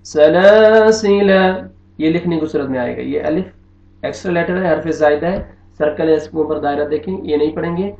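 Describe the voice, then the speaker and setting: Male Quran teacher, Urdu accent, gravelly, patient and repetitive, dull echoey recording. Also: on the high side, warm tone. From Pakistan. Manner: explains patiently, repeats words slowly. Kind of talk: online recitation lesson.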